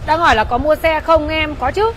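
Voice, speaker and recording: This motorbike shop livestream host, a woman with a northern Vietnamese accent, keeps up casual sales chat, greeting and thanking viewers. Her high, somewhat bright voice runs a little fast, and faint traffic noise comes through from outside.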